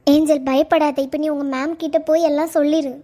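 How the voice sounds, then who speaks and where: A woman's voice: sits high, little pitch movement, fairly quick, dark tone, no room sound. A young woman acting in a comedy sketch, talking in a soothing, coaxing way. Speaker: sketch actor.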